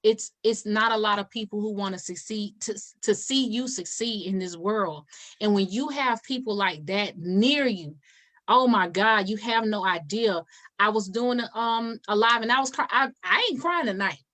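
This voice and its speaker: A woman's voice: medium pitch, moderate pace, fairly bright tone. A woman hosting an interview, talking casually in an emphatic, preachy way and repeating her points. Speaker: interview host. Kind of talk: casual chat.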